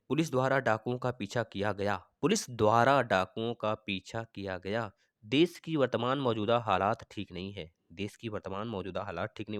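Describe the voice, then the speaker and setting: A man's voice: medium pitch, dry recording. Man teaching Hindi grammar, close dry sound. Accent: Hindi-speaking north Indian. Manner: thinks aloud, repeats sentences slowly, asks viewers. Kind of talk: exam-prep grammar lesson.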